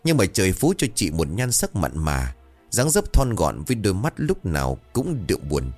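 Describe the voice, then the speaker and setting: A man telling a scripted horror story in a steady, dramatic way. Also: sits low, normal speed, soft background music.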